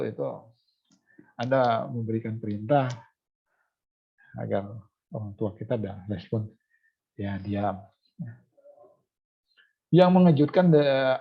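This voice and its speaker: This man's fairly low voice has vocal fry and a breathy edge, and the audio sounds dull. He lectures university students in a classroom or online class, working through ideas step by step with lots of fillers and restarts while checking that they're following.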